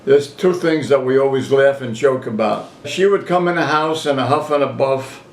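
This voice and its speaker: A man's voice: medium pitch, normal speed, a little hiss or hum. A man in his eighties reminiscing casually in an interview, a folksy storyteller who repeats his phrases and quotes people as he goes. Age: 80s. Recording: roomy, echoey home recording.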